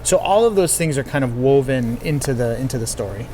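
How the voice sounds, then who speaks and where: A man from New England, a chef being interviewed about his cookbook, talking in a measured, thoughtful way with frequent fillers. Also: medium pitch, expressive, mellow, slight background noise. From New England, United States. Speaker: chef and cookbook author, guest. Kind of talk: conversational interview.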